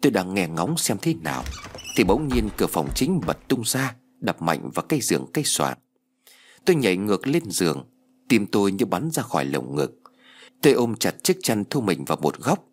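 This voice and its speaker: A man narrating a first-person ghost story as an audiobook reader, in an expressive, dramatic way. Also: fairly low pitch.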